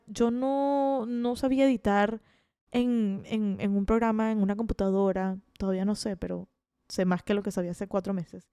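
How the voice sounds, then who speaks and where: This podcast host, a Venezuelan-accented woman in her twenties, rambles through a casual monologue, poking fun at herself and often starting over. Heard on a studio-quality recording with no room sound, her medium-pitched voice is smooth and mellow.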